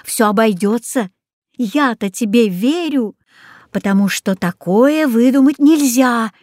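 A woman's voice: on the high side, lively intonation, measured pace, a little mellow, no echo, studio quality. A woman voicing an outspoken, loyal schoolgirl friend in a storybook. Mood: earnest. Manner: indignant, then whispering.

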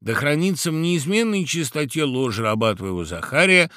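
An old storybook toastmaster bellows blessings and orders in a raised, bright, insistent voice, as a male narrator puts him on. He is commanding and hearty, with big swoops of pitch. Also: big pitch swings, normal speed, no echo, clean studio sound. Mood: solemn. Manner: solemn blessing, booming commands. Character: old man Foma, commanding wedding toastmaster.

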